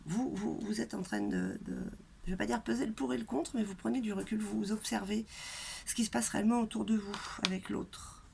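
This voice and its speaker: A woman's voice: medium pitch, animated, fairly quick, gravelly. A woman with a nasal, congested voice and a blocked throat, giving a casual, chatty tarot reading straight to viewers in a hesitant manner. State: congested throat, coughing and throat-clearing. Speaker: tarot reader and channel host. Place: outdoors in a light wind. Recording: noisy outdoor recording with wind.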